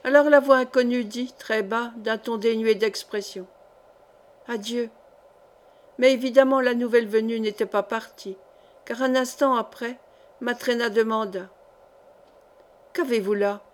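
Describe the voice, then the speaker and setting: A woman reading a literary short story aloud in a measured, steady narration. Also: a little high. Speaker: audiobook reader.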